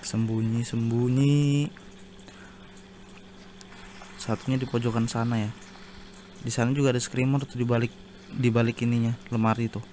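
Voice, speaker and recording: A man's voice: mid-range voice, little pitch movement, a little fast, darkish tone, a little hiss or hum. A man giving casual commentary while he plays a zombie survival game, chatting to viewers and exclaiming at jump scares. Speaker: gaming YouTuber.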